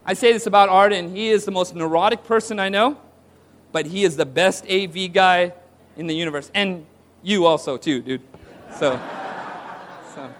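High-pitched man preaching a sermon. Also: moderate pace, long pauses. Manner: call-and-response with audience, rhetorical questions. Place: church hall with audience.

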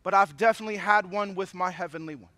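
A man's voice: sits high, steady tone, fast, bright, forceful tone, dry recording. A man preaching a sermon, a father who mixes impassioned preaching with personal stories. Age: adult father of young children. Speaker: pastor.

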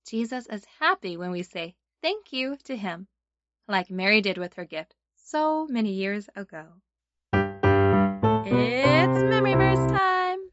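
A woman's voice: medium pitch, big pitch swings, moderate pace, fairly bright tone, highs cut off, soft background music. A woman speaking as a Sunday school teacher, telling stories to small children and guiding them in simple phrases. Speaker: children's Bible lesson host.

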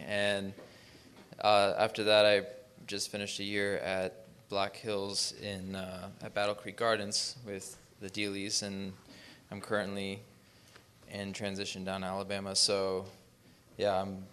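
A man introducing himself on a panel as a farm apprentice, speaking in a rambling way with animated bursts. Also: low-pitched, slight background noise.

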